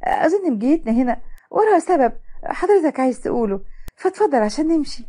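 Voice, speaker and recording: A cold, cutting young woman doctor voiced by a woman speaks fast in a high, Egyptian-accented voice. Her words come bitter and sarcastic, with lively leaps in pitch.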